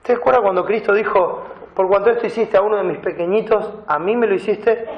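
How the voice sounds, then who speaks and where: A pastor delivers his sermon in a high voice, reading Bible verses and unpacking the words. The sound rings around a reverberant church hall. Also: a little fast, dull audio. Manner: preaching, reads scripture aloud and explains Greek words.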